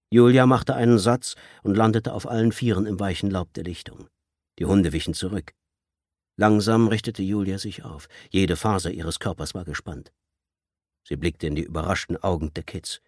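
A man narrating a tense audiobook with expressive storytelling. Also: sits low, normal speed, no echo, studio quality. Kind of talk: audiobook reading.

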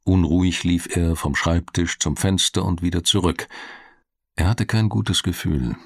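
A man narrating a crime audiobook in a calm, even storytelling manner, close to the mic. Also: low-pitched, measured pace, gravelly, no room sound.

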